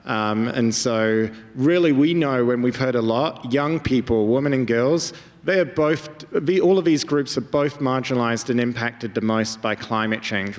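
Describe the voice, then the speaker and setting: Male panel moderator, mid pitch, brisk and upbeat, live event hall.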